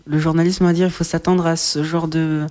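A young man speaking as a guest on a radio show, halting and repeating words as he gives his view. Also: fairly high pitch, level tone, a little mellow. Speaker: aspiring journalist guest. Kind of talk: radio interview.

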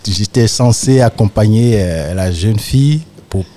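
A man with an Ivorian accent, a storyteller and actor, talking in a radio interview in a lively, animated way. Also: fairly low pitch, slow pace. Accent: Ivorian French. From Côte d'Ivoire. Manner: lively storyteller, animated when describing his craft.

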